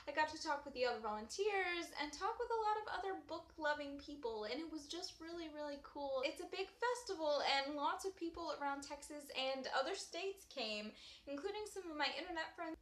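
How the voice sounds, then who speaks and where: Bubbly bright-voiced young woman vlogging. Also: sits high. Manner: bubbly, gushing, enthusiastic. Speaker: book vlogger. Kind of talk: casual vlog chat. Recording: echoey room sound.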